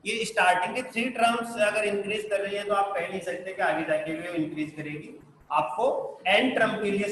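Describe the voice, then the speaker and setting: A man's voice: sits high, bright, forceful tone. A man teaching a math lecture, explaining step by step and asking and answering his own questions. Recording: echoey hall, distant mic, faint room noise.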